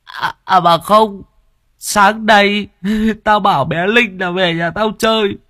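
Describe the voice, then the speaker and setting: A man voicing a tearful, heartbroken young man who blubbers in a high, strained voice. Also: normal speed, fairly bright tone, slight background noise. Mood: weepy. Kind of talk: audiobook character voice.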